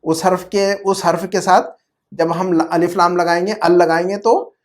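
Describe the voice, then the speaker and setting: A teacher of Arabic, recorded over a computer mic on a video call, walking a student through pronunciation. The delivery is patient and repetitive, with frequent checks that the point is clear and English words dropped in, all at an average pitch. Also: steady tone. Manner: patient, repeats words and checks understanding often; mixes English terms into explanations. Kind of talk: online class explained in Urdu. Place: online video class.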